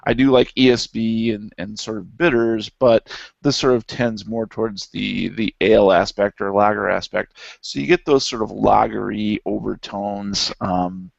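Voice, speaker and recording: Man, low gravelly voice, dry dull lo-fi sound, casual beer chat, rambling. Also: moderate pace, dry recording. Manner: relaxed, rambling, many fillers. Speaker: beer review podcast co-host.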